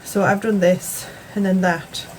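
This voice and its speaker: A young British woman giving a relaxed, rambling crochet tutorial at home, chatting casually with plenty of fillers. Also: mid-range voice, unhurried, slight background noise, poor audio. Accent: British English. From England. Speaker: crochet vlogger. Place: home, indoors.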